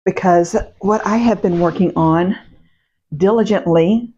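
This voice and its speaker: A woman's voice: fairly low pitch, unhurried, warm tone, breathy edge. Chatty woman with a morning voice. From United States. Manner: chatty and meandering, with fillers and self-corrections. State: morning voice, slightly rough. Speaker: vlog host. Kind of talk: casual chat to camera. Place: home, indoors. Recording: dull, muffled sound.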